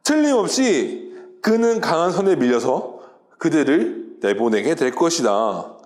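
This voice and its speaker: A man voicing God as a calm, patient teacher speaking slowly and steadily. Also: on the high side. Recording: roomy echo.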